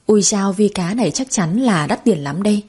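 A woman voicing a spiteful, sharp-tongued middle-aged mother-in-law in a spoken story. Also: medium pitch, animated, normal speed, husky. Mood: scornful scolding.

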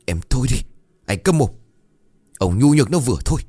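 Scheming wife in a ghost story, shrill and cruel, a man putting on the voice; raised pitch, dry close sound. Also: very animated, brisk, dark tone, husky, no room sound. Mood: harsh. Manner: shrill, harsh.

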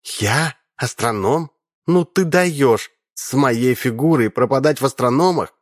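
A man voicing a flippant, vain young woman in a raised, drawn-out voice. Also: dry recording, clean studio sound, natural voice. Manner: pitched up high, drawn out.

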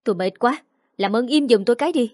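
A defiant young daughter-in-law, put on by a woman, snaps back in a raised, quick voice. Her replies are curt and rude. The recording is dry. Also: fairly high pitch, lively intonation, a little mellow, no echo, pitched above the performer's own voice.

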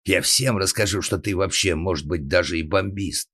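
A man's voice: sits low, moderate pace, husky, dry recording. Man putting on a bullying drunk organ grinder. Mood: angry. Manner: shouting, accusing, blustering. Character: drunken, suspicious, bullying middle-aged male organ grinder. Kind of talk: audiobook character acting.

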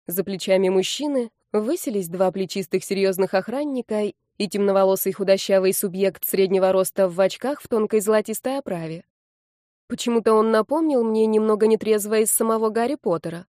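Warm-voiced woman narrating an audiobook. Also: medium pitch, fairly quick, no echo, studio quality.

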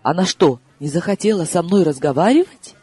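Brief: impulsive young heroine, played by a male audiobook reader, lively husky voice, swinging up into excited highs. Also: fairly quick, no echo, soft background music. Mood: tipsy, emotional. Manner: excitable, raised and high-pitched. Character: tipsy young Russian woman, impulsive and emotional. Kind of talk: audiobook character reading.

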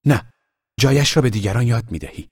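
A guarded teenage boy who lives up in the trees, as a man reading the book puts him on. He answers in curt, clipped lines, raised well above a deep reader's own voice and a touch husky. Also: lively intonation, no room sound, studio quality.

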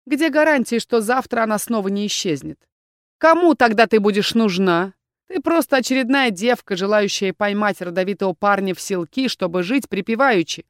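A woman's voice: mid-range voice, dry recording, studio quality, natural voice. Spiteful young aristocrat, sneering, plain voice; read by a woman. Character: arrogant young nobleman, spiteful and cowardly. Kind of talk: audiobook narration.

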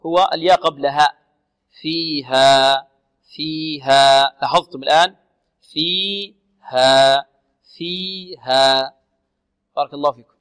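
A man teaching Quran recitation rules, who sounds out letters slowly, then explains quickly and asks his students questions. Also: on the high side, a bit bright, long reverb tail. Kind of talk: tajweed lesson on radio.

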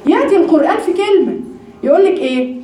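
A woman with an Egyptian Arabic accent giving a religious lesson to women, animated and full of rhetorical questions. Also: very high voice, rapid-fire, echoey room, far from the mic, a little hiss or hum. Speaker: religious teacher.

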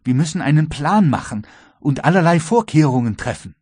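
A male audiobook reader voicing a worried but resolute ship captain, with a husky voice. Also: on the high side, sing-song, fairly quick, darkish tone, no room sound, clean studio sound, pitched above the performer's own voice. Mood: earnest. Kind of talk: audiobook reading.

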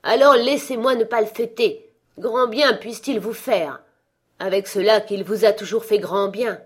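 A woman's voice: medium pitch, unhurried, slightly rough. A grumpy, miserly old man who speaks in curt, scolding phrases, as a woman reader puts him on. His words come out a little raised and pushed harder than plain talk. It is an audiobook reading.

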